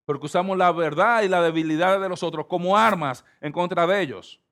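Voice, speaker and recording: A middle-aged man from the Republic, preaching a sermon with emphatic swings between loud and soft delivery. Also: high voice, a little fast. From Dominican Republic. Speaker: pastor.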